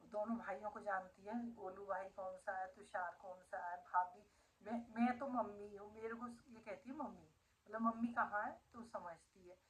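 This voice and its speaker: A woman's voice: mid-range voice, fairly even intonation, normal speed, rough recording. A middle-aged woman vlogging casually at home, emotional and doting as she talks about her pet dog. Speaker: family vlogger. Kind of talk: casual home vlog talking to viewers. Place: at home indoors.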